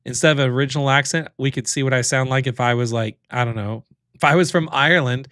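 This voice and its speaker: A man's voice: mid-range voice, fast talker, fairly bright tone, dry recording, clean studio sound. A man hosting a casual livestream, thinking aloud as he clicks through a tool, with loose fillers and restarts. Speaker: livestream host demoing software.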